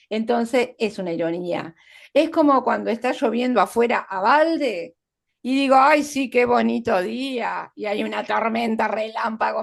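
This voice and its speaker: A woman's voice: fairly high pitch, creaky. A woman teaching literature in an online class, explaining literary devices step by step with examples and checking in with her students.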